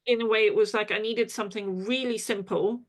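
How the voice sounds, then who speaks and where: Female interview guest, kinesiology practitioner, candid and reflective, mid pitch. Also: steady tone, a little fast. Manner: reflective, candid, tells stories with quoted asides. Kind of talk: conversational interview.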